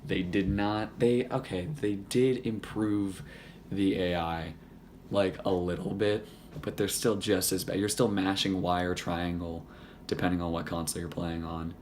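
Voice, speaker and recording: Young male YouTuber, hoarse with little voice left, low-pitched, loose and profane, slight room hum behind. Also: fairly even intonation, unhurried, a little mellow. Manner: rambling, profane and joking. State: hoarse, voice nearly gone. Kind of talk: casual gaming chat to camera.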